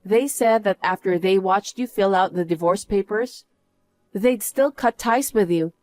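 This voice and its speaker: A woman's voice: medium pitch, measured pace, a little mellow, dry recording, soft background music, lightly acted. Woman acting a scornful betrayed wife, dry recording. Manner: scolding, dismissive. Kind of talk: dramatised story narration and dialogue.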